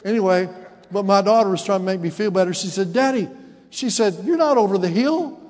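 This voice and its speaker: A man's voice: sits high, fairly quick, darkish tone, big-room sound. A man in his forties preaching a sermon, calling out to his congregation and building to emphatic peaks. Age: 40s. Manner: call-and-response preaching, rising to emphatic peaks. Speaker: pastor.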